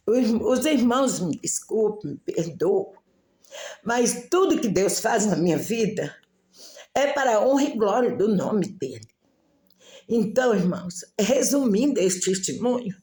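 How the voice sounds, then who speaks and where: A woman's voice: medium pitch, mellow, echoey room. A middle-aged woman giving a religious testimony in church, telling her story with feeling and acting out the dialogue.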